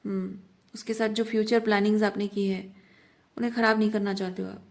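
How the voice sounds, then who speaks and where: Speaking Hindi sprinkled with English words, a woman earnestly reads tarot cards for the viewer, repeating phrases for emphasis. Her mid-range voice is a little mellow, brisk, and flat in delivery.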